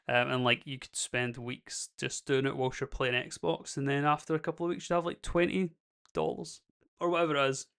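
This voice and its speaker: Young man, gravelly voice, casual rambling vlog talk, filler words. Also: medium pitch. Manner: rambling, frequent fillers like "basically" and "like". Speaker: creator vlogging. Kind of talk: casual reflective monologue.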